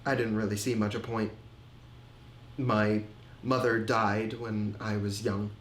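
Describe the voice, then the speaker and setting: A man playing a haunted, halting griever in a roomy space. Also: fairly low pitch, level tone, a little hiss or hum. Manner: halting, repeats words, trails off. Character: grieving middle-aged man, haunted, hesitant. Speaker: man recounting family tragedy. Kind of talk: film monologue. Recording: roomy echo with faint ambience.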